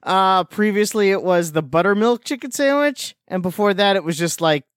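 A man, a regular on a podcast, giving rambling, animated opinions in casual chat. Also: sits high, normal speed, clear, resonant tone, no room sound, clean studio sound.

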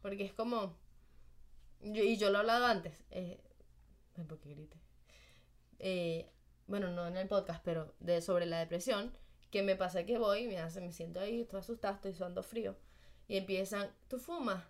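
A woman's voice: mid-range voice, normal speed, long pauses. A young woman, co-hosting a podcast, telling stories in casual chat and acting out what others said. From Venezuela. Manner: animated storyteller who acts out other people's lines. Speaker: podcast co-host.

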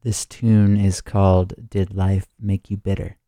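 A man's voice: low-pitched, little pitch movement, unhurried, warm tone, no room sound, studio quality. A man hosting a music radio show with a languid, purring vintage-DJ delivery and florid, poetic patter. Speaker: radio host.

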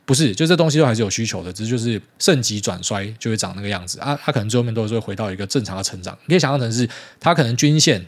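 Fast-talking man. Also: lowish voice. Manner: chatty, sprinkles sentence-final particles. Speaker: podcast host. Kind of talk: casual solo commentary.

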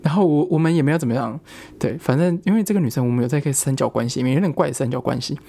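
A young man tells a personal story in a loose, chatty way, often restarting his sentences. His voice is breathy and slightly husky, sitting at an ordinary middle pitch. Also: racing. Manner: rambling, animated, frequent restarts and laughter. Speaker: student. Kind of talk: casual storytelling.

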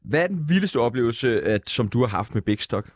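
A man's voice: medium pitch, sing-song, dry recording. A man hosting a casual interview, asking playful, teasing questions. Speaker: podcast host.

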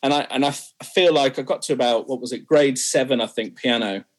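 This interview features a young male singer who talks fast in a medium-pitched voice. He's candid about his music, self-deprecating, and laughs often.

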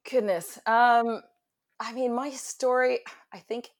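A woman's voice: fairly high pitch, fairly even intonation, slow. A young adult woman from France with an American accent, chatting casually as an interview guest, with lots of fillers and restarts. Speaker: guest, hospitality business owner.

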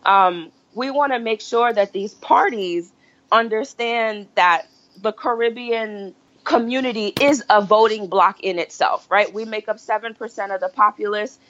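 A woman's voice: mid-range voice, unhurried, a bit bright. A woman from New Jersey talking as a podcast guest about political organizing, explaining her points and often checking in with "right?". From United States (New Jersey). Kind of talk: casual conversation. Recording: dull, muffled audio.

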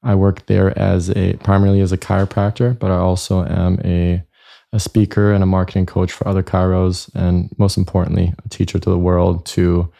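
A chiropractor and speaker born in Croatia, who has lived in Germany and Canada, chats casually as a podcast guest and tells anecdotes. His low, creaky voice is warm and level in tone, and he talks a little fast.

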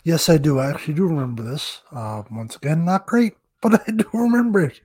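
A man co-hosting a podcast, chatting casually with self-deprecating jokes and halting restarts. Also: a little high, lively intonation, darkish tone, husky. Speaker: podcast co-host, referee.

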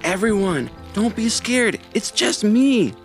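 An eager little male forest guide speaks in a pushed-up, lively voice, as a man puts him on, pleading and urgent. Soft music plays behind the storybook reading. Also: high-pitched, takes it slowly, pitched above the performer's own voice, exaggerated voice. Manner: urgent, pleading, loud whispering. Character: small eager male forest guide, anxious but hopeful.

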